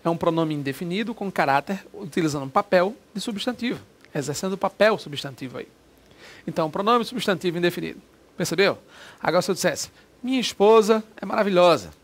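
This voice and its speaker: A man's voice: sits high, lively intonation, fast. A man teaching a grammar lesson for an exam, explaining step by step and asking himself rhetorical questions.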